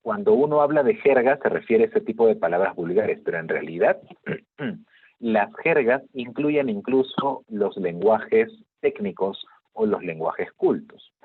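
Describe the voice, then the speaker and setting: A man's voice: on the low side, expressive, unhurried, breathy edge, dry recording. Male teacher, patient explainer on a video call, narrow tinny audio. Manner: explanatory, checks in with frequent "¿de acuerdo?". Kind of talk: online class lecture.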